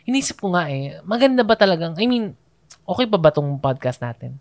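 Chatty Filipino podcast co-host. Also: male voice, high-pitched, sing-song, fairly quick, no room sound, clean studio sound. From Philippines. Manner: chatty, mixes English into Tagalog, many fillers and restarts. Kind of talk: casual podcast chat.

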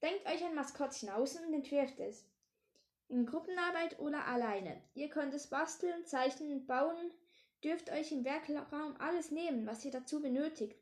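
A friendly schoolteacher explaining a task to her pupils, as a woman reads her lines. The voice is high and clear, read plainly, and has a noticeable room echo. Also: moderate pace, lightly acted.

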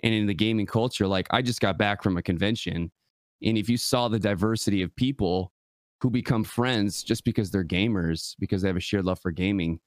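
Deep-voiced earnest young man, dry sound. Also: brisk, no echo. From West Michigan, USA. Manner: relaxed, earnest, many fillers like "you know". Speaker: guest, gaming preacher. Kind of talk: casual interview conversation.

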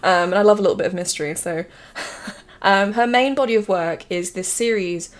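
A woman's voice: medium pitch, a little fast. A woman co-hosting a podcast in casual chat, rambling with lots of fillers and frequent giggles. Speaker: podcast co-host.

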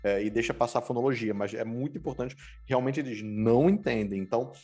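A man's voice: medium pitch, fast. A man with a Carioca accent from Rio, chatting casually and telling stories with slang. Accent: Carioca Brazilian Portuguese. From Rio de Janeiro, Brazil. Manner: animated, slangy storytelling. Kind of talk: casual chat.

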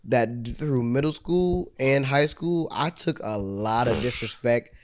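A man's voice: medium pitch, a little slow. A young man co-hosting a podcast, telling stories in casual, profane chat. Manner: animated, profane storytelling. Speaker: podcast co-host.

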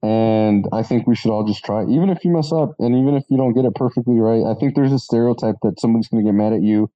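A man co-hosting a podcast in casual chat, earnest and measured. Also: medium pitch, warm tone, no echo. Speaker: podcast co-host. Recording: dull lo-fi sound.

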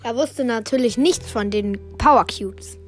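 A woman co-hosting and narrating a story in a calm, matter-of-fact way. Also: fairly high pitch, a little slow. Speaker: co-host and narrator. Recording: faint music behind the voice.

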